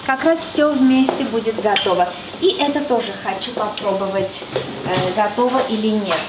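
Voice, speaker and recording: A woman's voice: fairly high pitch, heavy background noise. A woman in her thirties with an Armenian accent hosting a cooking show in her home kitchen, chatting casually and thinking aloud with fillers and restarts. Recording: echoey kitchen with background music.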